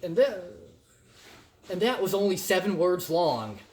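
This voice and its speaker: A man teaching a recorded critical thinking lecture, playful and animated, trying out the same sentence with shifting emphasis. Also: sits high, measured pace, a little hiss or hum. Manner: animated and playful, acting out examples in varied emphasis. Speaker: college instructor.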